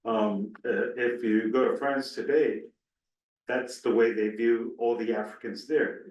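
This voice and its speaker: A man's voice: medium pitch, steady tone, unhurried, darkish tone, muffled recording. A man from Rico, a lawyer and panelist, talks in a wry, conversational way and chuckles often. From Puerto Rico. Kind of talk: panel discussion. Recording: roomy, distant.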